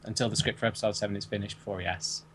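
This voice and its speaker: A man's voice: fairly low pitch, steady tone, rapid-fire, slightly rough, no echo. A male voice actor co-hosting a live-stream podcast, self-deprecating with dry jokes. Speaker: voice actor and co-host. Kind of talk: casual live-stream chat.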